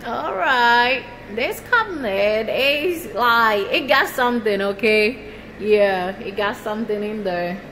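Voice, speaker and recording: A woman vlogger, who is a service member, gives a casual tour of her small, nearly empty apartment, filming indoors on a handheld phone while staying off-screen. Her fairly high voice is slow and relaxed, with frequent laughter between lines. The audio is poor, with a bit of hiss or hum.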